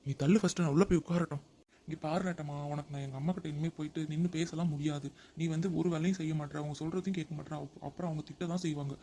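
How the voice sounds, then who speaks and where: A man's voice: a little high, fairly even intonation, racing, hardly any pauses, dark tone, slight background noise, natural voice. A man playing a harried young husband caught between his wife and his mother in a comedy sketch. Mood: irritated. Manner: exasperated, pleading.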